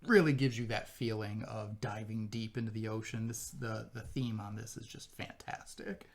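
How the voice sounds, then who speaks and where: A man's voice: lowish voice, fairly even intonation, moderate pace. A man hosting a board game playthrough, patiently explaining the rules step by step to viewers and his co-player.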